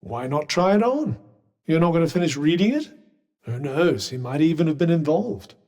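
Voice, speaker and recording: Cuff, haughty echoing British game companion. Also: male voice, a little high, big pitch swings, moderate pace, a little mellow. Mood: skeptical, dry. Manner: dry, wry, condescending, formal diction. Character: sardonic, erudite, haughty sentient magical cuff companion. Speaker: video game companion character. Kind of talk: scripted video game dialogue. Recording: long echoing reverb.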